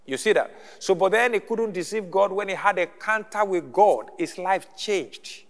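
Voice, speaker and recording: Male pastor, higher-pitched voice, sermon with call-and-response checks, church hall with long reverb. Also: normal speed.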